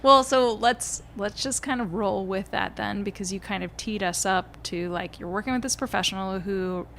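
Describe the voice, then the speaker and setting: A woman hosts a podcast interview, friendly and quick to laugh. Her voice has a gravelly fry at mid pitch, with faint noise behind it. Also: fairly bright tone. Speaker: podcast host. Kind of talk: conversational interview.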